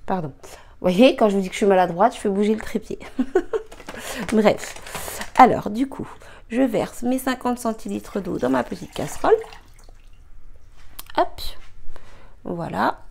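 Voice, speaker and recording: With slight background noise, a young woman in her home kitchen talks through a recipe in a gravelly, slightly mellow mid-range voice, measured and broken by long pauses. A cooking and beauty vlogger, she's casual but hesitant, full of fillers, a bit tired, and quick to apologize.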